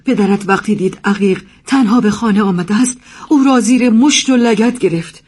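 A man's voice: sits high, a little mellow, slightly rough, voice pushed up. A man voicing an anxious, stern middle-aged mother who speaks firmly and pleads with her son. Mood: distressed. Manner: pleading, then firm and resolute.

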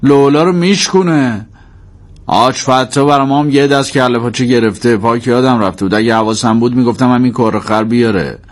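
A man voicing a calm, patient family man. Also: mid-range voice, voice pushed up, natural voice. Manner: soothing, reassuring.

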